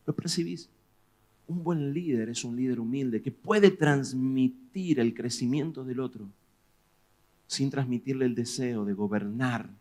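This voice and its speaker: A man with a Rioplatense Spanish accent, a pastor preaching a sermon in a lively, conversational way, pressing questions on his congregation. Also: medium pitch, unhurried. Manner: animated preaching, rising loud on questions to the congregation.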